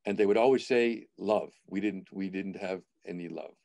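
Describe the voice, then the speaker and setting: A reflective man in his forties talks through a webcam from a small room at home. His voice is low and mellow, and it sounds dry and close. He restarts his thoughts as he works out what he means. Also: normal speed, creaky, dry recording. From United States. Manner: reflective, restarts phrases while thinking aloud. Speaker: film director. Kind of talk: video call interview. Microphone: video call webcam.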